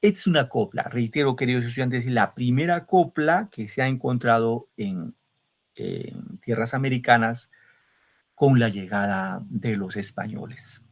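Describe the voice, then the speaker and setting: A man teaching an online class, lively and questioning, repeating words syllable by syllable. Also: medium pitch, a little slow. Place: home, video call. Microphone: computer mic on video call.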